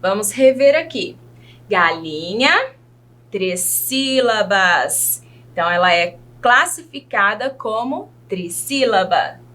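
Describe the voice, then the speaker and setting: A Brazilian woman teacher giving a children's video lesson, speaking in a slow, teacherly way and asking the children questions. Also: medium pitch, lively intonation, bright, forceful tone. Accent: Brazilian Portuguese. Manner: slow, sing-song teacherly delivery, asks children questions.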